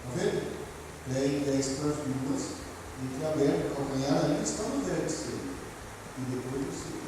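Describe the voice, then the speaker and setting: A man's voice: on the high side, measured pace. A man teaching drill commands to a class indoors, barking out orders and then explaining them. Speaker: drill instructor. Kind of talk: live classroom instruction. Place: indoor hall with tiled floor. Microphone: distant room mic. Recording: echoey hall from far off, noisy.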